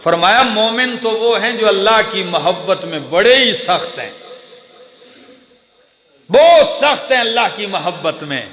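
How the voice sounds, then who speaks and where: High, bright-voiced male preacher in echoey hall. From Pakistan. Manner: melodic, chanting delivery with emphatic repeated lists. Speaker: Islamic preacher. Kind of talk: sermon. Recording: echoey hall with long reverb.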